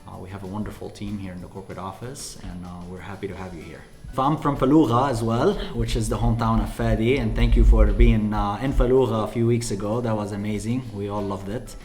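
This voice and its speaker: A man from Lebanon speaks as a company president in an interview, his voice sitting low. He pauses often on "uh" as he explains things. The room gives his voice a roomy echo, and faint music plays underneath. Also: steady tone, a little mellow. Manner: hesitant, many "uh" fillers. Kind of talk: interview answers.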